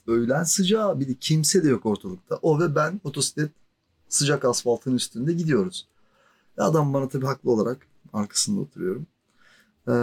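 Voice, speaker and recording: A man's voice: mid-range voice, darkish tone, slightly rough. A man in his forties telling a personal story in a casual, conversational way, chuckling between loose filler words. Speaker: podcast storyteller.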